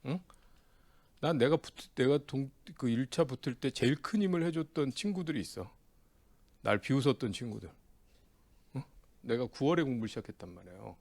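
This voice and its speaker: A man's voice: medium pitch, vocal fry, a little mellow. A man teaching an exam prep class in a casual, chatty way, often checking in with the students and acting out old friends' banter. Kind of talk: casual lecture with personal anecdote.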